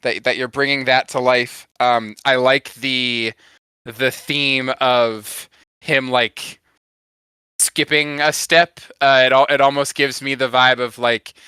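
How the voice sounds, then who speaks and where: A man with a bright, clean voice of medium pitch chats casually as a podcast co-host. He gives feedback in an agreeable way, hedging and correcting himself as he goes. The recording is dry and close. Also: fairly even intonation, takes it slowly, clean tone, no room sound. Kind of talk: casual chat.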